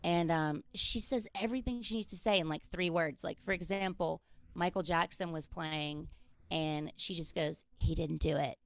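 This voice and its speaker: A woman's voice: on the low side, clear, resonant tone, no echo. A woman, telling self-deprecating comic stories as a guest comedian over a video call. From Mississippi, US. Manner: chatty, self-deprecating, quick asides. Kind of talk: stand-up style comic storytelling.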